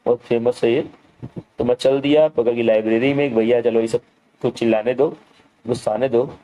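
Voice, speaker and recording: A man's voice: mid-range voice, mellow, rough recording. A man teaching a school English lesson, reading each line of the text and explaining it in Hindi. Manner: reads English lines slowly, then explains them in Hindi.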